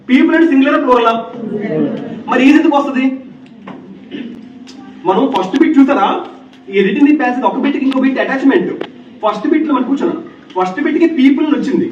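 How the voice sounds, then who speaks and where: A man's voice: very high voice, lively intonation, quick pace, pauses often, a little hiss or hum. A male English grammar teacher in a classroom, repeating key points and firing questions at his students. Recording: echoey, distant, dull classroom recording.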